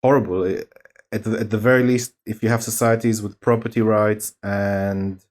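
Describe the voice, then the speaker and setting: A man explaining his arguments in an informal political debate, halting and deliberate as he builds each point. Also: on the low side, steady tone.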